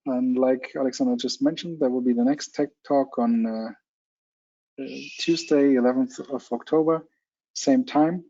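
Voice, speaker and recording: Mellow male organizer closing an online talk. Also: mid-range voice, steady tone, normal speed. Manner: formal, courteous closing remarks. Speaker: event organizer. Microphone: video call. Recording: slightly muffled call audio.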